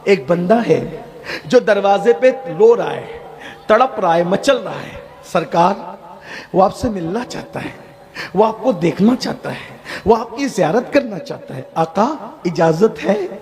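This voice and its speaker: A man's voice: high-pitched, animated, darkish tone. An earnest grown man pleads on another's behalf in a raised, fervent tone, building his phrases one on top of another, as a preacher voices him. He is respectful and urgent.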